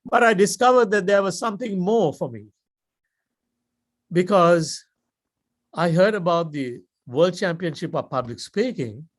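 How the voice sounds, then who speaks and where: As a guest speaker at a club, an older man from Sri Lanka delivers a motivational talk in his Sri Lankan accent. His high voice is animated, and his storytelling is deliberate and measured, marked by dramatic pauses.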